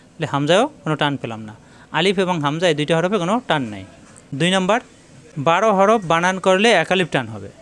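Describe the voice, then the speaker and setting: A man's voice: fairly high pitch, a bit bright, clean tone. A man giving a Quran reading lesson for beginners, spelling out Arabic letters one by one and repeating each drill.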